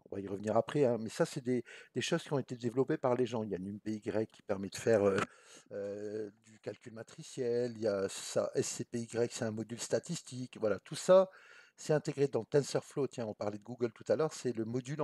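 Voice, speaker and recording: A man's voice: mid-range voice, mellow, dry recording. A man teaching a programming lesson over a screencast, explaining step by step in a casual way with many fillers and restarts.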